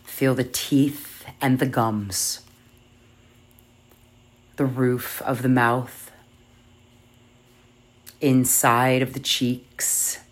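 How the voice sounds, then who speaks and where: A yoga nidra guide with a mid-pitched voice speaks very slowly and softly. The delivery is soothing and measured, leaving long pauses between short phrases. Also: level tone. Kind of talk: guided meditation.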